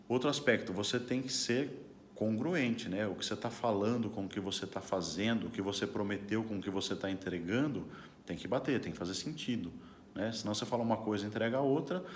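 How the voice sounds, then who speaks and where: A man's voice: mid-range voice, a little hiss or hum. A middle-aged man, a corporate trainer, giving a casual lesson to camera with a chatty, questioning manner. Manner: chatty, frequent tag questions.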